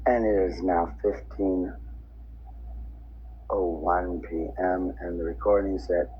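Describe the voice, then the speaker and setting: A man making a dictaphone-style spoken log of dates and times, halting and repetitive, often counting aloud. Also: deep voice, fairly even intonation, husky. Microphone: tablet voice recorder. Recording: dull, noisy handheld voice-recorder sound.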